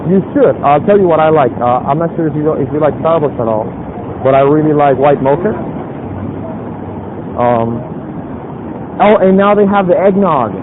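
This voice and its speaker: A young adult man, a pickup vlogger, chats up a stranger on the street in a fairly high, animated voice at normal speed with long pauses. He's hesitant and rambling, full of fillers, and the phone-like audio is muffled under loud street noise.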